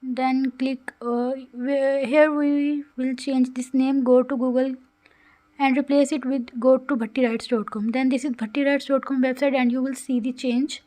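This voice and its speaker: A woman's voice: high-pitched, level tone, normal speed, warm tone. A woman narrates a coding tutorial in a careful, instructional way, with phrasing. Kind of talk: scripted screen-recorded tutorial narration.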